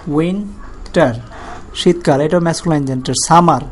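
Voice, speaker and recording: Brief: patient teacher, mid-pitched, explains step by step and spells words out. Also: normal speed, slight background noise. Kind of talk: recorded grammar lesson.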